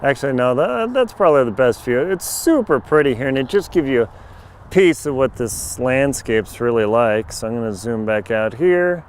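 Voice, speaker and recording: A chatty travel vlogger with a mid-range, expressive voice, a bit hoarse, talks at normal speed while filming a casual handheld vlog on a rural farm lot. He's wry and tosses in jokey asides. The camera mic is held at arm's length and picks up a little hiss or hum.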